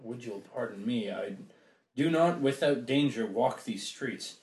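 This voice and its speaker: A wary, loyal sea captain, read by a man in an amateur play reading. He speaks in low, hushed tones, though his pitch moves around a lot. The room sounds echoey. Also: lively intonation, a little slow. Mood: guarded.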